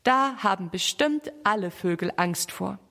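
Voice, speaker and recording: A woman's voice: mid-range voice, animated, unhurried, gravelly, sharp tone, in a large hall, full character voice. A woman voicing an eager little boy in a children's story. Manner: eager, pleading.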